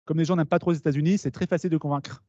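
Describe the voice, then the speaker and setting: A man giving a lively conference talk to students, explaining with asides and questions to the audience. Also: a little high, very fast, dry recording. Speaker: speaker at a talk. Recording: dull, slightly lo-fi meeting recording.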